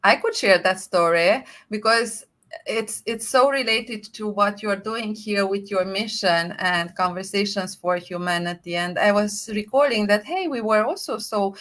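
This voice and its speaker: Bright-voiced Romanian woman, chatty guest. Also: mid-range voice. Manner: enthusiastic, rambling with frequent fillers. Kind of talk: conversational interview.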